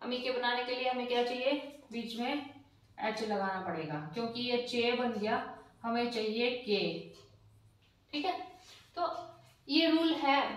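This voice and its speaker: A woman's voice: high-pitched, recorded from a distance. A woman teaching a language lesson, patiently repeating each example word. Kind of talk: explaining a lesson. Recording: very echoey room, voice off-mic.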